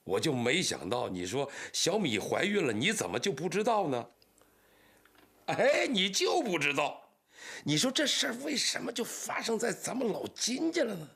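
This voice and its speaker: An actor playing an older man, an anxious father who longs for grandchildren, lamenting and sometimes shouting. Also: high-pitched, big pitch swings, moderate pace, slightly rough, full character voice. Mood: grieving. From Northeast China. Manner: lamenting, bursts into angry shouting.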